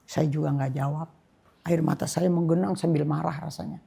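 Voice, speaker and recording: An older woman from Indonesia, a guest pastor, telling an emotional personal testimony, dropping to soft whispers and rising to loud outbursts. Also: low voice, steady tone, moderate pace, creaky, husky. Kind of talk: personal testimony in a church podcast.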